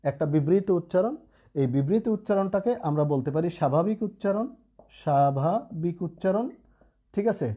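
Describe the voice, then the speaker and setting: A man's voice: sits high, expressive, quick pace, dark tone, lo-fi sound. A man teaching a lesson to students, explaining patiently with frequent check-ins and repeated phrases. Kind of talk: classroom-style lesson.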